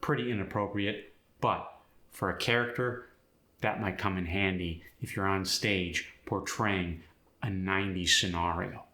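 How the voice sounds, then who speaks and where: A man's voice: low-pitched, steady tone, a little slow, bright, forceful tone. A man giving scripted instruction as an accent teacher, explaining terms in short, plain definitions. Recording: roomy echo.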